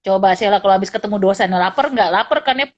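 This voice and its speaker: A middle-aged woman psychologist and lecturer chatting casually, telling animated anecdotes and often laughing. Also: medium pitch, fast. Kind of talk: casual storytelling chat. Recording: dull lo-fi recording.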